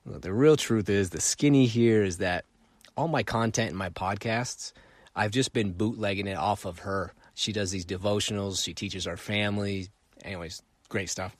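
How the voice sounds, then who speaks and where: Dry-miked man, animated solo podcast host. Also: lowish voice, moderate pace, dry recording. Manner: animated storytelling, acts out voices, repeats phrases.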